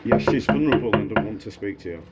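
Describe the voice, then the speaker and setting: A man's voice: on the low side, expressive, fast, a loud crowd. A man resisting an eviction outdoors, blunt, sarcastic and argumentative in a tense street standoff. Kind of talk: tense confrontational street exchange. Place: outdoors at a house during an eviction. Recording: distant, muffled, very noisy street audio.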